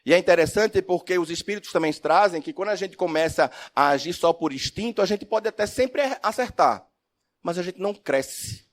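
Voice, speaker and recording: A man's voice: sits high, moderate pace. A man giving a religious lecture as a spiritist speaker and professor, telling stories expressively and asking the audience questions. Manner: expressive storyteller, asks the audience questions, swings from loud to soft.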